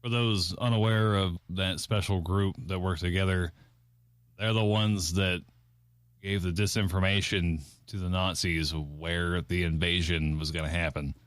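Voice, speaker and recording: A man's voice: low-pitched, steady tone, a little slow, fairly bright tone, dry recording, studio quality. A man co-hosting a podcast, telling stories crudely with heavy swearing. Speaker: podcast co-host. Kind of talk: casual profane chat.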